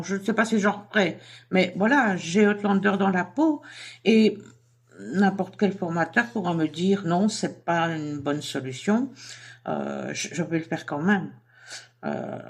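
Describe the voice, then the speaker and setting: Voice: medium pitch, creaky. A speaker who talks casually to camera about a business project, in a chatty and hesitant way with many fillers. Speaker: entrepreneur presenting a themed business project.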